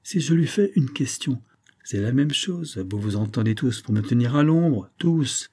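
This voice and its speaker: A man voicing an impatient, agitated young gentleman who fires off sharp, demanding questions. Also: fairly high pitch, expressive, unhurried, husky, pitched above the performer's own voice, heavily acted. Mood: indignant.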